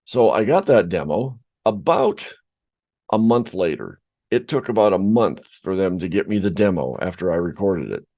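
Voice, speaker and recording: Middle-aged male podcast co-host, low voice, casual, self-deprecating storyteller. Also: sing-song, normal speed, mellow.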